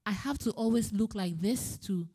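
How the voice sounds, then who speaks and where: A woman from Ghana speaking earnestly and personally on a panel, pausing and restarting as she talks. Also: mid-range voice, mellow, husky. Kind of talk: panel discussion. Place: conference room.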